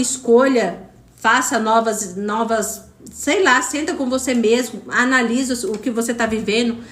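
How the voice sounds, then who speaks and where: A woman's voice: fairly high pitch, echoey room. A woman with a Brazilian Portuguese accent hosting a live stream as a spiritual coach, talking in an emphatic, repetitive way and greeting viewers by name. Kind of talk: motivational live-stream talk.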